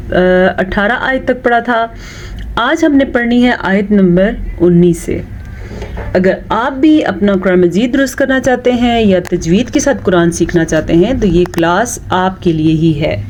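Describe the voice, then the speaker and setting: A woman teaching Quran recitation rules, explaining patiently step by step and chanting the examples slowly and drawn out. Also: fairly high pitch, lively intonation, a little mellow, a little hiss or hum. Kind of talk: tajweed lesson with slow recited examples.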